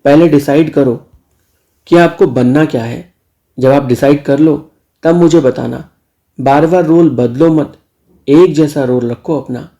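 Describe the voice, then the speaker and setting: A man's voice: fairly high pitch, unhurried, pauses often, warm tone. Man doing a cheeky young nephew. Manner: cheeky, defiant.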